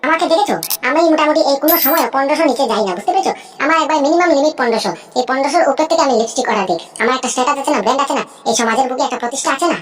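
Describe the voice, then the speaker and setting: A greedy, boastful cartoon woman who brags nonstop in a high, racing voice and keeps asking whether you understood, as a woman voices her. Faint music plays behind her. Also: very fast, few pauses, natural voice. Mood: bragging. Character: greedy boastful snobbish woman, a scheming sister-in-law. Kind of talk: cartoon voice acting.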